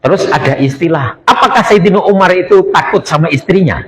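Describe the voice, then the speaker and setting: A man's voice: sits high, brisk, poor audio. A man preaching a sermon, who keeps asking his congregation questions and jokes with them. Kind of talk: sermon, lively religious talk. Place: mosque after dawn prayer.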